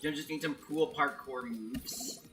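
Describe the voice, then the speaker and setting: A man's voice: fairly high pitch, measured pace, far from the mic, over music. A man streaming a game and chatting with his viewers, who stammers and restarts his sentences often. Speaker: streamer, level maker. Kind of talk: casual live-stream chat, reading viewer chat.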